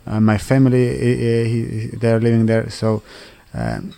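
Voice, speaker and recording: A man from Switzerland in his thirties, answering interview questions in halting non-native English full of fillers and restarts. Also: mid-range voice, big pitch swings, vocal fry, mellow. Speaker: interviewee, footballer.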